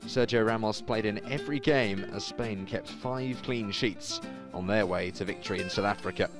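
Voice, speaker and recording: A man narrating a scripted sports feature in a measured, informative way. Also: fairly low pitch. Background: guitar music.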